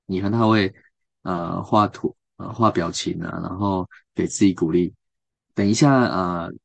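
Chatty low-voiced Taiwanese Mandarin man. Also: vocal fry, darkish tone, no echo. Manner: chatty, many fillers and restarts, asks listeners questions. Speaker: radio show host. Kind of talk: casual book talk to listeners.

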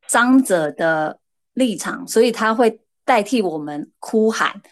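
A woman, a guest casually telling lively stories. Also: mid-range voice, unhurried. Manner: lively anecdotal, shifting pace. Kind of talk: casual storytelling.

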